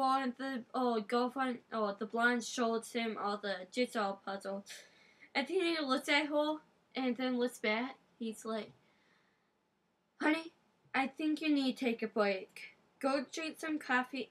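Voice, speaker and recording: A woman's voice: high-pitched, animated, measured pace, a bit bright. A teenage girl telling a joke in playful casual chat. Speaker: vlogger telling jokes.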